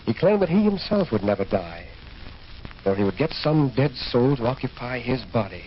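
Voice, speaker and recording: In 1940s radio horror drama acting, a male actor plays a sober, sceptical physician recounting a haunting, his manner grave, measured and firm and the mood grave and foreboding. His natural voice is mid-range and sing-song, on a muffled, noisy old radio recording.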